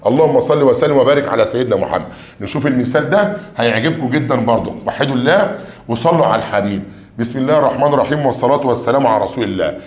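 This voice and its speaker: An animated Egyptian male teacher running an exam revision lesson, his voice swinging up and down as he drags out key words one at a time. He speaks quickly to his class. The sound is roomy and echoing. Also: medium pitch. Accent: Egyptian Arabic. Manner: lively, stretches out key words one by one while reading questions; addresses students directly, calls for blessings on the Prophet.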